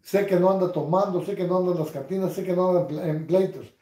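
A man, hosting a casual livestream from his couch, reading comments with crude, mocking humor and bursts of loud laughter. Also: high voice, fast, echoey room. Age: 60s. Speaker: livestream host. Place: living room, seated on a couch at home.

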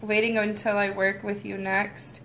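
A woman's voice: medium pitch, level tone, moderate pace, pushed and bright. A young woman chatting casually with her viewers on a livestream, giggly and talkative. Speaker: vlogger.

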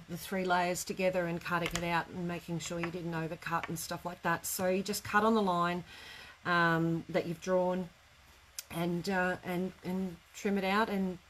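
This recording, low in quality and full of noticeable room noise, captures a middle-aged woman with a fairly low voice. She's teaching a live craft class in an indoor studio workroom, chatting casually and rambling a little.

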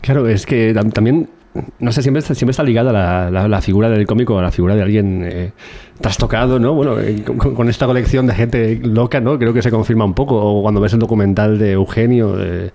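A man with a Spanish accent hosting a casual interview, asking quick questions and giving short agreeing replies. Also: fairly low pitch, warm tone. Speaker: podcast host.

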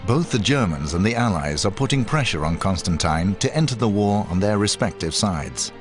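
A man narrates a history documentary in a low, steady voice. His delivery is measured and scripted, with soft music running beneath. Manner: measured, even storytelling.

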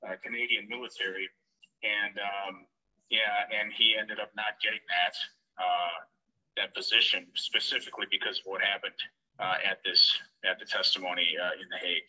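A man calling in, heard through a phone on speaker, talking in a halting, indignant way with many fillers. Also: fairly low pitch, little pitch movement, bright, forceful tone. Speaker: guest calling in. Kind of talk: casual recounting on a live stream. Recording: dull lo-fi phone sound.

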